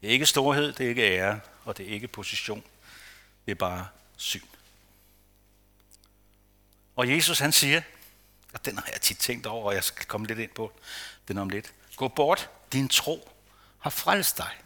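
A man preaching a sermon, rhetorical and repetitive for emphasis, sometimes dropping to a hushed near-whisper. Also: lowish voice. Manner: rhetorical, repeats phrases for emphasis. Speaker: pastor.

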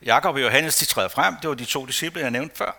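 A man preaching a sermon, rhetorical and repetitive for emphasis, sometimes dropping to a hushed near-whisper. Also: medium pitch, vocal fry. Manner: rhetorical, repeats phrases for emphasis. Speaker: pastor.

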